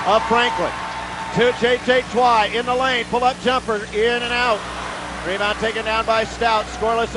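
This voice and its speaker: A man with a rather high voice calls college basketball play-by-play, firing off the action in quick, clipped phrases. His broadcast is thick with arena noise. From Midwest US. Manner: rapid, clipped play calling. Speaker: play-by-play announcer.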